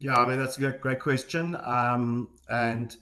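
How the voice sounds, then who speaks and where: A middle-aged South African man speaks as a podcast guest, a marketing executive answering questions conversationally. His voice sits at medium pitch, steady, unhurried and bright, with a forceful tone.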